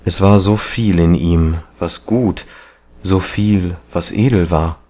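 A man narrating an audiobook in a measured, calm literary reading. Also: sits low.

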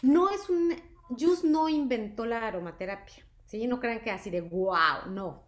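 A woman hosting a live product presentation, chatty and lively, constantly checking in with her audience. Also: a little high, a little slow. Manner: lively, chatty, asks "¿sí?" often. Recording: echoey room.

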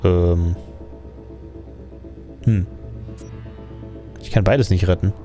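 A man narrates his own video game session in a loose, thinking-aloud way. He wanders between thoughts and often ends with a questioning tag. Quiet game music plays faintly behind his voice. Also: sits low, fairly even intonation, very slow. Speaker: let's play gamer. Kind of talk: casual gameplay commentary.

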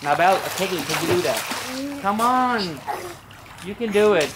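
A middle-aged man coaxes and teases kids as he coaches them by a backyard pool, a casual family moment filmed outdoors on a handheld camera a few meters off. His voice sits high, expressive, at a moderate pace, and splashing water is heard throughout.

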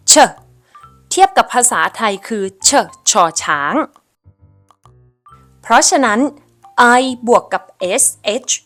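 A woman narrating a phonics lesson as an English teacher, spelling out sounds slowly and repeating each word with careful enunciation. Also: on the high side. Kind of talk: scripted lesson voice-over.

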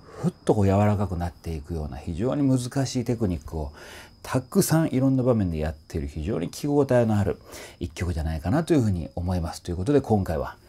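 A man's voice: low voice, quick pace, breathy edge. A man working as a voice trainer, explaining a song in a casual lesson and singing short phrases to show how they go. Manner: animated, sings short phrases to demonstrate. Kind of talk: casual music lesson commentary.

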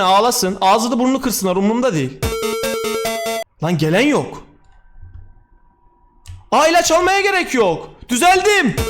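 A young man giving excitable horror let's-play commentary, talking to himself, swearing and yelping at scares. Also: extremely high pitch. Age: young adult. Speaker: gaming YouTuber. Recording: game music playing behind.

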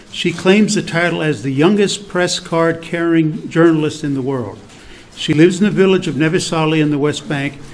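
An older man moderating a briefing, reading a measured, formal introduction at a podium microphone in a large meeting room. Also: a little high, slight background noise. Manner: measured, read-out delivery.

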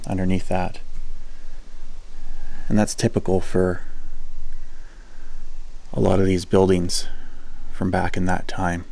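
A man casually narrating as he walks through abandoned buildings in the woods, talking in a relaxed, plain way and thinking aloud. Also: sits low, slow pace, creaky, pauses often. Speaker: urban explorer. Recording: music playing under the voice.

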